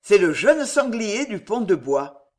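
A reader voicing a proud, ambitious duke who speaks with loud, resentful force in an audiobook. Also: mid-range voice, animated, a little slow. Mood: scheming. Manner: exclaiming, resentful.

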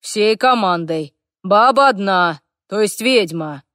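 A woman's voice: mid-range voice, lively intonation, slow pace, a bit bright, dry recording, studio quality. A woman voicing a male dragon in human form, brusque and exasperated, in an audiobook. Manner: brusque, snapping retorts. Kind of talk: audiobook character voice.

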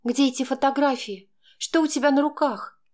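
Woman reading as a cornered young woman, raised pitch, shrill, hysterical, furious. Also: normal speed, lightly acted. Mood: distraught.

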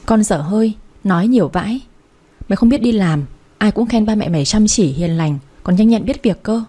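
A woman's voice: medium pitch, lively intonation, moderate pace, dark tone, breathy edge. A woman reading the part of a blunt, loyal young woman who talks to her friend frankly and teasingly. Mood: fondly scolding. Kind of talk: audiobook character reading.

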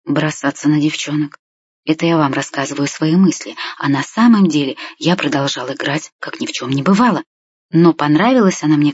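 A woman with a somewhat low, husky voice tells a story in the first person as a young boy. Her telling is calm and even, picking up when characters speak. The recording is dry, close and a little muffled. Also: no echo. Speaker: audiobook reader.

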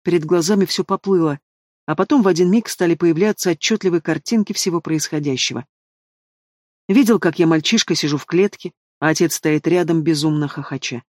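A man reading a fantasy audiobook in the first person, expressive and dramatic. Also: fairly high pitch, brisk, no echo, studio quality. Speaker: audiobook narrator.

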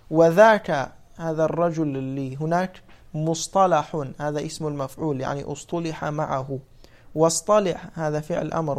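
Man, somewhat high voice, teacher, classroom explanation, asks and answers own questions. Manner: repeats points slowly and emphatically. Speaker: teacher of Arabic morphology.

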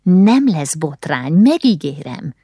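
A spirited young noble girl in a spoken storybook, eager and persuasive as she makes her case, voiced by a woman narrator. Her pitch moves lively over a low base. The recording is dry and close. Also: husky, dry recording, full character voice.

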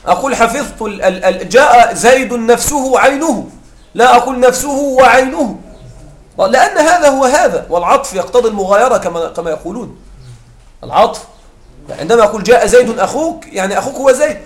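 A male grammar teacher lectures in a classroom, walking his students through example after example and pausing to ask whether they understand. His voice sits notably high for a man. The sound carries a clear echo from the room around him. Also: expressive. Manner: explains with repeated examples and checks understanding with questions.

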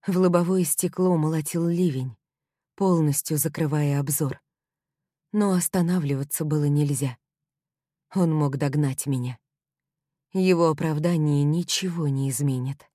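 A woman's voice: low-pitched, a little slow, pauses often, warm tone, no room sound, studio quality. A woman narrating a first-person novel in a tense, dramatic way. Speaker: audiobook narrator.

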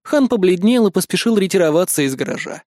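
Male audiobook narrator, plain even delivery, dry close-miked read. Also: high voice, quick pace, dry recording. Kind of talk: scripted narration.

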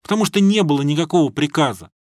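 A man voicing a gruff, drunken middle-aged male supervisor who talks bluntly and scornfully, in an audiobook. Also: on the high side, lively intonation, quick pace, dry recording, studio quality, natural voice.

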